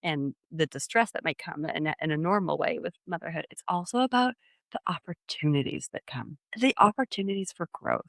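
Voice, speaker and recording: A woman's voice: low-pitched, animated, fairly quick, gravelly, fairly bright tone, dry recording, studio quality. A woman coach as interview guest, speaking earnestly and affirming the host. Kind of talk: conversational interview.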